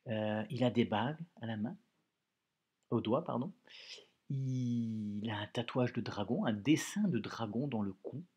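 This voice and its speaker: Husky-voiced male teacher, patient. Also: medium pitch, measured pace, darkish tone, dull audio. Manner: explains words patiently, repeating phrases. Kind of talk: reading lesson for pupils.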